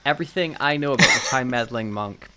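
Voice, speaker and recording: A podcast co-host chats casually while reviewing audio dramas, offering his opinions in a wry, joking way and laughing easily. He talks fast, pushed and bright, with a clear, resonant medium-pitched voice.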